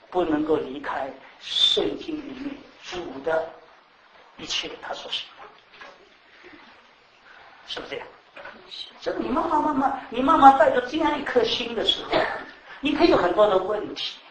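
A man preaching to a class, animated, repeating words and quizzing the audience. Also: high-pitched, normal speed, pauses often, a little hiss or hum. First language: Chinese. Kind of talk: sermon to a class. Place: teaching room with live audience. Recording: echoey room, mic at a distance.

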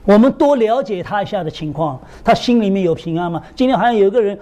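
A middle-aged man preaching a sermon, telling stories and often putting rhetorical questions to the congregation. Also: fast. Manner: animated storytelling, swinging from low asides to high emphatic questions.

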